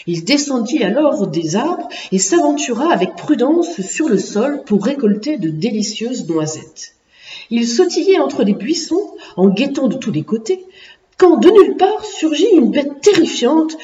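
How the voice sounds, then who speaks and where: A woman narrating a children's storybook in an expressive, lively storytelling manner. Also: fairly high pitch. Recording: echoey room, distant muffled mic.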